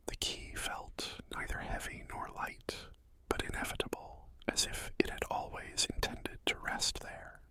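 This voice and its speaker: A storyteller whispers a bedtime tale for ASMR listeners. The whisper is fully unvoiced and airy, with a very bright, crisp edge. The reading is gentle and unhurried, lingering on each short phrase.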